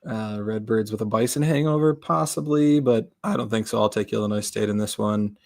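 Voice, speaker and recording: A man's voice: fairly low pitch, brisk, creaky. A man co-hosting a casual sports betting show, reading viewer comments aloud and laughing often. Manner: chuckling, reads out viewer comments in a lively way. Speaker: co-host reading picks and chat comments.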